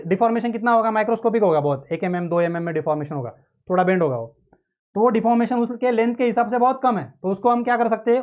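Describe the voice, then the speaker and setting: High-voiced lecturer, tinny audio. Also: male voice. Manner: explains with everyday examples, asks questions and answers them himself. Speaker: engineering lecturer. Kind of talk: classroom lecture. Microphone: close mic. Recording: tinny narrow-band audio.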